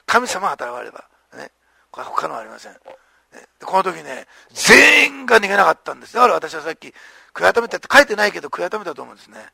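A male pastor delivers a lively sermon at a rapid clip, his high voice bright and gravelly. He acts out the story's quotes as he goes. The sound is dry and close. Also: no room sound. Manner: animated storytelling, acting out quotes.

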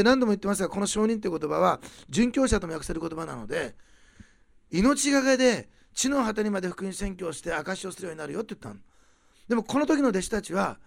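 A man preaching a sermon, rising loud on key phrases and dropping to soft, quiet asides. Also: high-pitched, creaky, no room sound. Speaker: pastor.

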